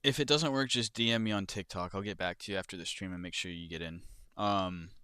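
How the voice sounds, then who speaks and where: A man's voice: low-pitched, fairly quick, sharp tone, clear, resonant tone, no echo, clean studio sound. A young man chatting casually on a livestream, swearing freely and reading out viewer questions as he goes. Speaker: livestreamer and crypto trader.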